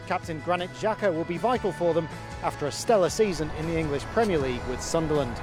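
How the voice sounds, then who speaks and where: A man delivering a field news report in a measured broadcast manner. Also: a little high, music in the background.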